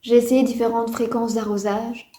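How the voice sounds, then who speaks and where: Mellow-voiced woman chatting about houseplants. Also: on the high side, flat delivery, normal speed. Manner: chatty, hesitant with many fillers, mildly disappointed. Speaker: houseplant vlogger. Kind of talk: casual chat to camera. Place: indoors at home. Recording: roomy echo.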